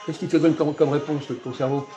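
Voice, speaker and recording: A man leads a casual, teacherly chat in a fast-food restaurant. His voice sits a little high, and he quizzes his guest with repeated questions and sudden emphatic bursts. Faint music plays behind him. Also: little pitch movement.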